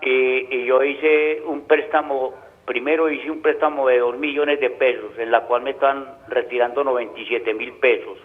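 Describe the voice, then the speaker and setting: A man with an Antioquian accent, a caller telling his problem in a halting way with many restarts. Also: mid-range voice, steady tone. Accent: Antioquia, Colombia. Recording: tinny phone line.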